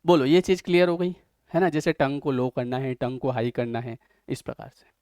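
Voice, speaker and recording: A man's voice: medium pitch, flat delivery, fairly quick, a little mellow, no echo, clean studio sound. A man with an Indian accent teaching an online exam-prep lesson. He explains step by step and keeps checking whether his students follow.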